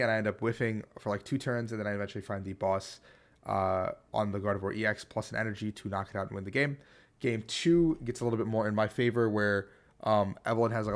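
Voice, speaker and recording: A man with a somewhat low, hoarse and worn-out voice talks through a tournament recap. He is conversational and slangy, like a competitive player casually reporting to his viewers. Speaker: competitive card game player and video creator.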